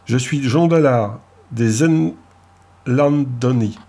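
A man voicing a tall, wary young male traveler who speaks calmly in an audiobook story. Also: medium pitch, slow. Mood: guarded.

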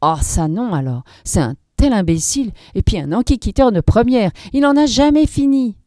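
A woman voicing a hesitant young gang member who talks in halting phrases. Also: sits high, lively intonation, mellow, dry recording, studio quality, pitched above the performer's own voice. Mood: uneasy. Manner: hesitant, mumbling.

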